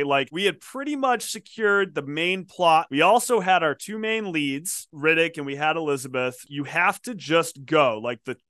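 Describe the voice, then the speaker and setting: A man with a bright, forceful voice sits close to the mic in a dead, dry room. He recounts directing a short film in casual chat, slipping into quoted back-and-forth as he tells it. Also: fairly high pitch, no room sound. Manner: animated storyteller, acts out quoted exchanges. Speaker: film director recalling a shoot. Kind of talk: casual conversational recollection.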